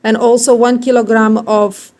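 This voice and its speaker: A woman's voice: on the high side, little pitch movement, normal speed, darkish tone, recorded from a distance, poor audio. A woman in her forties from Lithuania, with a Lithuanian accent, chatting casually in a vlog in slightly broken English. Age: 40s. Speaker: vlogger.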